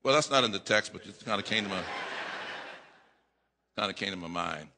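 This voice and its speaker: A middle-aged man preaching a sermon at a lectern, acting out voices, repeating himself and rising to shouts. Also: lowish voice, expressive, a little fast, noisy background. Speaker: pastor. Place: church sanctuary at a lectern. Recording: long reverb of a church hall.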